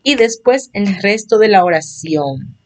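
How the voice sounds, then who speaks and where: A woman's voice: mid-range voice, expressive, a little slow. A woman teaching a basic English lesson in Spanish, patiently explaining and repeating examples for her students. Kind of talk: slow explanatory online lesson.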